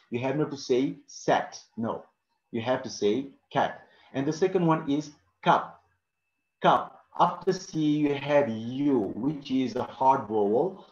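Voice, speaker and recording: An English teacher writes on a board while teaching pronunciation, saying each example word two times and following every point with "okay?" He has a mid-range, darkish voice, captured in roomy, dull classroom audio.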